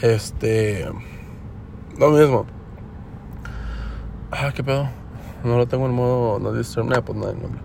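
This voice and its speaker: A man's voice: mid-range voice, fairly even intonation, slow pace, creaky, pauses often, a little mellow. A young man with a Mexican accent talking casually for his podcast, rambling with lots of slang and fillers. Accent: Mexican Spanish. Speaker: podcast host. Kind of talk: casual everyday monologue. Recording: faint background noise.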